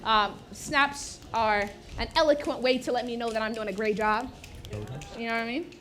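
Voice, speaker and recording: A woman's voice: a little high, steady tone, moderate pace, a bit bright, a little hiss or hum. Playful, chatty woman from Sudan. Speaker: slam poet. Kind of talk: stage banter before a performance. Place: festival stage before an audience.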